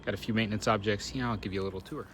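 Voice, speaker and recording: A man's voice: on the low side, steady tone, rapid-fire, a little hiss or hum. A man talking in a casual, informal vlog style, thinking aloud as he narrates his chores. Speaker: RV living vlogger. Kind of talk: casual first-person vlog chat while doing chores.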